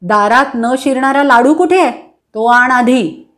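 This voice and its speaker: A woman's voice: high-pitched, measured pace, a bit bright. A woman reading a story aloud and voicing a boastful, stubborn young man who insists and taunts. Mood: cocky. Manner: cocky and insistent.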